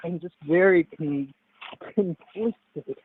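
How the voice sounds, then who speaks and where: A young man in his twenties calls in while driving, his voice carried over a car Bluetooth link that sounds thin, tinny and distant. He talks in halting bursts, tripping over his words and starting again, with a faint hiss under the line. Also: sits high. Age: 20s. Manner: halting, many stammered restarts. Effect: phone call over car Bluetooth, sounding far from the mic. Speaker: caller. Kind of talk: call-in chat.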